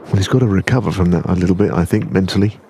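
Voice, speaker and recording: A man commentates on snooker in the measured style of a golf commentator. His voice is low and gravelly, and his delivery is understated and analytical. Clear background noise sits behind him. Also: mellow.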